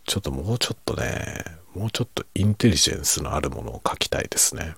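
A middle-aged man in a quiet, rambling, self-deprecating late-night monologue meant for falling asleep, in a hushed voice that often drops toward a whisper. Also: extremely low pitch, expressive, fast talker, gravelly, husky, no room sound. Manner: self-deprecating, rambling, chuckling under his breath. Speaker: fiction writer chatting to listeners.

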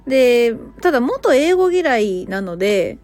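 Woman host, casual live-stream chat, fairly high voice, faint background music. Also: sing-song, a little slow, a little mellow. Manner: chatty, reacts to listener comments with small laughs. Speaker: English cram-school teacher hosting a live stream.

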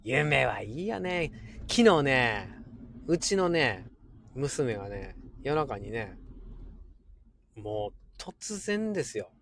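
A man's voice: medium pitch, sing-song, slow, creaky, pauses often, background noise. A man in his forties with a Kansai accent, hosting a casual solo podcast, chatty and often laughing. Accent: Kansai Japanese. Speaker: podcast host.

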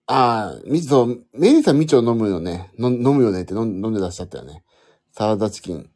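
A man's voice: lowish voice, animated, fast talker, a little mellow. A man hosting a casual solo podcast, rambling and correcting himself as he thinks aloud while fiddling with his phone. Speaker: podcast host. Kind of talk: casual solo chat to listeners.

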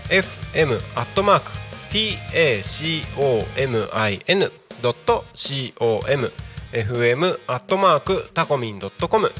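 A man in his thirties hosting a live community radio show from a small studio, with an upbeat announcer delivery that slips into relaxed, chatty asides. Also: medium pitch. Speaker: radio host.

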